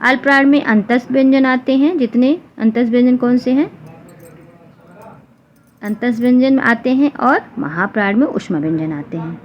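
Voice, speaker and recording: A woman teacher explaining a grammar lesson for exam students, repeating example sounds slowly one by one. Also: fairly high pitch. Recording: dull lo-fi recording with faint noise.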